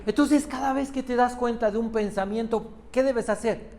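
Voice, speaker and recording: Un hombre predica un sermón con énfasis, repite frases y le hace preguntas a la congregación. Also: male voice, extremely high pitch, fairly even intonation, moderate pace, darkish tone. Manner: emphatic, repeats phrases, quizzes the congregation. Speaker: preacher. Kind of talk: sermon.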